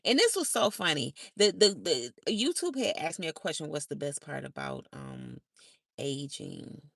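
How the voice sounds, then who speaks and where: A woman's voice: deep voice, huge pitch swings, moderate pace, vocal fry, fairly bright tone, no echo, studio quality. An older woman chatting casually and bluntly on a live stream, swearing freely.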